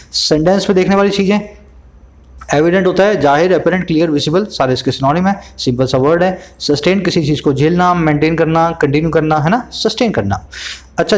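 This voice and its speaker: High-voiced Indian English tutor. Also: male voice, darkish tone. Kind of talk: explaining newspaper vocabulary.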